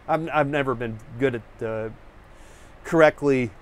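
A man's voice: medium pitch, a little slow, clean tone. A man hosting his own painting show, chatting casually to camera in a rambling way, full of fillers and restarts, searching for words and wired on coffee. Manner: self-searching, hunts for words; rousing, pep-talk delivery. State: over-caffeinated.

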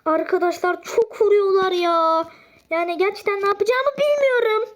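Very high-voiced woman, excitable gamer, narrates her own match live, quick to get exasperated. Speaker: gaming channel host. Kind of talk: live gameplay commentary.

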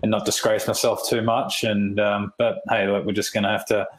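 A man, a rider and journalist, giving relaxed interview answers full of fillers. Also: fairly low pitch, moderate pace. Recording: echoey room, faint noise.

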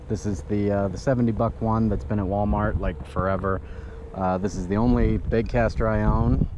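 Man, low voice, casual rambling fishing talk, action cam by a lake, clear wind noise. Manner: rambling, many "uh" and restarts. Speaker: fishing channel host. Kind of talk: casual first-person fishing commentary. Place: outdoors at a windy lake shore. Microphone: head-mounted action camera. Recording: dull lo-fi action camera audio with wind noise.

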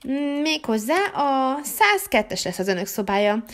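A welcoming hotel hostess from a toy-figure story, as a woman puts her on. She speaks formally and courteously. Her voice is fairly high and expressive.

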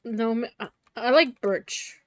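A woman's voice: fairly high pitch, slow, no room sound. A young woman with a slight Mexican accent, chatting casually and giggling while streaming a game. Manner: giggly, chatty, often laughs. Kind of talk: casual chat while gaming.

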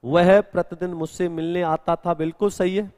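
A man's voice: sits high, steady tone, moderate pace, warm tone, big-room sound. A male Hindi grammar teacher in a live exam-prep class, explaining answers step by step and answering students' questions.

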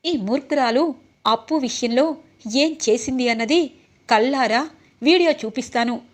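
An indignant young man from a serial, drunk and accusing his wife, read by a woman in her own voice. The delivery stays slightly high and plain. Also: normal speed, lightly acted.

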